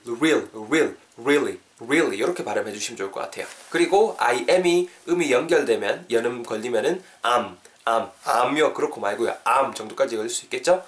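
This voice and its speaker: A man from South Korea gives a video English lesson in a middle-pitched voice. He talks in an upbeat, coaxing way and slows right down to spell words out letter by letter. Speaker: English teacher.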